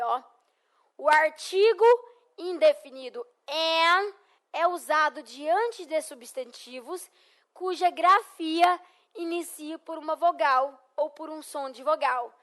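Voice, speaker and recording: A young Brazilian woman with a Brazilian Portuguese accent, an English teacher giving a recorded lesson. She is encouraging and repeats phrases slowly for students to echo. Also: high voice.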